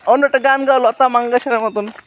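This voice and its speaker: A young woman, a mother, chatting gently and coaxingly with her small child while filming on a walk outdoors. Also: a little high, steady tone, a little fast. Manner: gentle, coaxing, speaks softly to a toddler. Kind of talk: casual chat with a small child.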